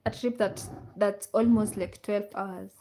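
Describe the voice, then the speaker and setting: A woman's voice: medium pitch, fairly even intonation, a little slow, mellow, slight background noise. Woman chatting with livestream viewers. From Kenya. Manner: reads viewer comments aloud, repeats questions to the audience. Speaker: livestream host. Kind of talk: casual live chat with viewers.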